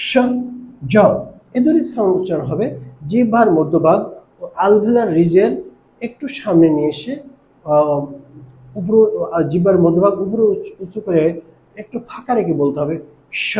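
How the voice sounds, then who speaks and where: A male teacher with a Bangladeshi accent explains pronunciation slowly, step by step, pausing often with "ah" fillers. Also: high-pitched, mellow, echoey room, poor audio. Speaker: English teacher. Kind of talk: pronunciation lesson.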